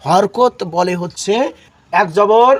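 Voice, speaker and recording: A high-pitched man teaches a Quran reading class while feeling unwell, with a cough in his voice. He drills his listeners in call and response, repeating each key term until they echo it back. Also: slow, very noisy.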